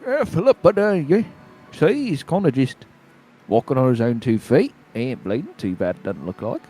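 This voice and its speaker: A man's voice: mid-range voice, sing-song, normal speed, warm tone, slightly rough, soft background music. A man voicing a chatty, folksy town guard in colloquial small-town phrasing for a tabletop game. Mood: chatty, concerned.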